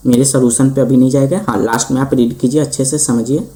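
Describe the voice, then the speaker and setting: Male maths tutor, mellow tone, explains step by step with constant "theek hai" check-ins. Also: mid-range voice, steady tone. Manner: repeats "ठीक है" often, reads English lines slowly then explains. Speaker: host of the channel. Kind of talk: online maths lesson.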